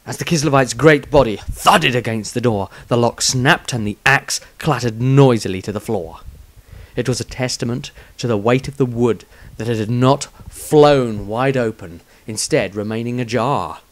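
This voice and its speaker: A man reads his own fantasy story aloud as dramatic scripted narration, pacing it in a measured, suspenseful storytelling style. His voice sits in the mid range, and there's no echo.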